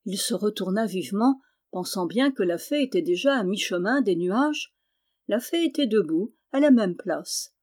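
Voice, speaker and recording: A woman narrating a historical novel audiobook in a steady, measured way. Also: medium pitch. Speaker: audiobook reader.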